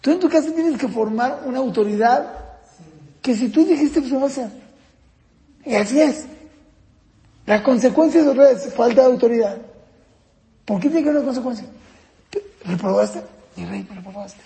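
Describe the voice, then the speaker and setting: A man's voice: very high voice, normal speed, pauses often, mellow. A man teaching a parenting course, acting out little scenes between parents and children as he explains. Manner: acts out parent-child exchanges while explaining. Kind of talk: lecture to parents. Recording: reverberant room with long echo.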